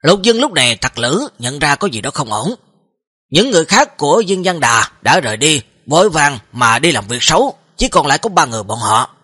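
A man's voice: a little high, sing-song, fairly quick, bright, forceful tone, slightly rough, no room sound, studio quality. A man narrating an audio story, with chatty asides to his listeners.

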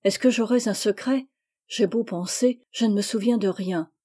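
A woman's voice: medium pitch, moderate pace, dark tone, lightly acted. A woman reading the part of a naive, impulsive young Native girl, speaking in an eager, childlike way. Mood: innocent.

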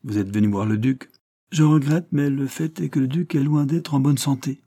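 A man's voice: medium pitch, moderate pace, dark tone, dry recording, studio quality, voice pushed up, lightly acted. A man voicing a reserved, nervous male secretary who speaks courteously in an audiobook reading. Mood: polite.

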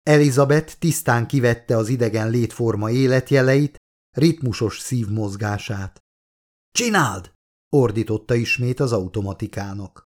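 Steady male audiobook narrator. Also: mid-range voice. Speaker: author reading his own book.

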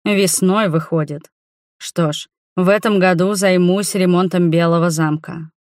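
A woman reading the lines of a gentle, calm adult husband in a storybook. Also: on the low side, no echo, studio quality, close to an everyday voice. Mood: calm tender. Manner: calm, tender, slow.

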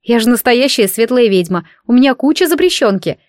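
A woman's voice: on the high side, lively intonation, fairly quick, a little mellow, no room sound, studio quality, natural voice. A woman voicing a dreamy young light witch in an audiobook, gushing and chattery.

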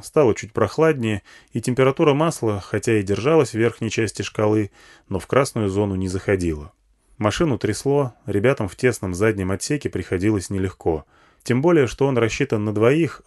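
A man's voice: lowish voice, animated, a little fast, darkish tone. A man narrating a first-person post-apocalyptic audiobook in a dry, matter-of-fact way. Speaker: audiobook reader.

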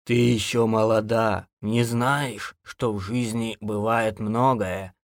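A man doing a slow wheedling undead ghoul. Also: lowish voice, steady tone, dry recording, studio quality. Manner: slow, wheedling, falsely gentle. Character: undead male ghoul, old, coaxing and creepy. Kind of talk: audiobook character voice.

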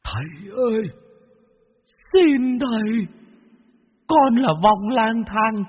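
A shrieking, stammering old ghost wails and begs in a thin, piercing voice that swoops high and low. The sound is dull and lo-fi, with a long echoing tail. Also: male voice, animated, drawn-out words, husky, heavily acted. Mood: cowering pleading. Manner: whimpering, stammering, begging. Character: wailing ghost of a 72-year-old man.

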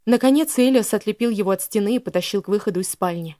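A woman's voice: medium pitch, quick pace, mellow, no room sound, clean studio sound. A woman narrating a first-person audiobook in an emotional, dramatic reading.

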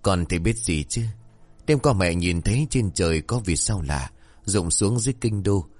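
A man voicing a sharp-tongued, bossy stepmother who scolds and lectures her daughter in a folk tale. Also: deep voice, animated, moderate pace, soft background music. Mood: scolding.

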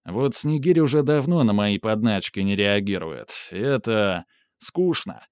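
A man's voice: fairly low pitch, animated, unhurried, a little mellow, clear, resonant tone, no echo. A man reading an audiobook, voicing a grumbling, mocking male raider who reasons things through aloud. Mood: teasing. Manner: dry, reasoning, teasing.

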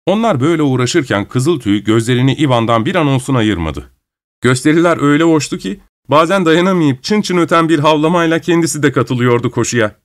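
Calm male audiobook narrator. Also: fairly high pitch. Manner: calm, measured storytelling. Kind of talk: scripted storybook narration.

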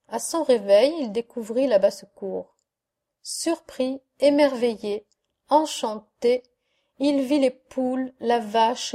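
A woman narrating a classic novel as an audiobook in a measured, expressive way. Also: a little high. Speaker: audiobook reader.

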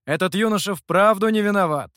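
A man voicing a calm, polite master who speaks in a courteous, measured way. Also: sits high, smooth, no room sound, studio quality, voice pushed up.

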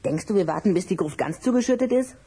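An actor playing a grumpy, worldly-wise little boy vampire with a raspy voice in a children's radio play. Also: mid-range voice, animated, quick pace, warm tone. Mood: matter-of-fact. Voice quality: husky, raspy.

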